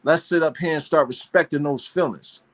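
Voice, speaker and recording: Playing a dog breeder hosting a live panel show, this man has a fairly high, slightly bright voice and talks at a normal speed. His casual monologue is passionate and preachy, full of rhetorical questions and phrases said again and again.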